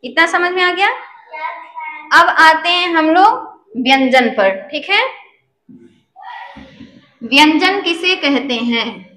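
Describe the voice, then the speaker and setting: A patient Sanskrit teacher gives a slow classroom lesson, often checking that her listeners understand. Her voice is extremely high, pushed and bright, with lively intonation, an unhurried pace and long pauses. The room sounds echoey.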